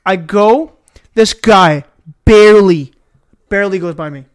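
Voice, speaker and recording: A man of about twenty co-hosting a podcast, telling stories in a casual chat, animated, swearing freely and laughing often. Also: high-pitched, unhurried, smooth. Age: around 20. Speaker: podcast co-host.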